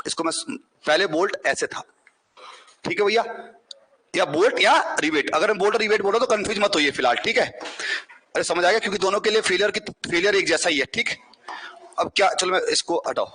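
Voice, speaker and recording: Man, exam-prep teacher, husky voice, high pitch, keeps asking the class questions. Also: expressive, a little fast, pushed and bright. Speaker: civil engineering teacher.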